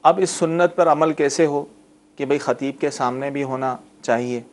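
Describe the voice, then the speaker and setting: A man answering callers' religious questions on a TV studio show. His voice sits at an ordinary, medium pitch. He explains calmly and at length, and pronounces difficult words slowly and clearly. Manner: patient and explanatory, spells out the right pronunciation slowly. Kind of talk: religious call-in Q&A on TV.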